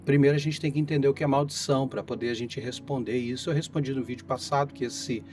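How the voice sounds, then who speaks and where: A man's voice: medium pitch, steady tone, quick pace. A Brazilian man giving an informal Bible lesson as a pastor, explaining things step by step and checking in with listeners, his voice tired and giving out after a flu. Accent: Brazilian Portuguese. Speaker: pastor teaching Bible study. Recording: guitar music behind the voice.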